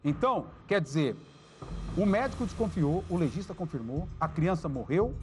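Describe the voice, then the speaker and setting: A man's voice: fairly high pitch, animated, normal speed. A man with a Brazilian Portuguese accent hosting a live crime news segment, emphatic as he talks to viewers and gives cues to his crew.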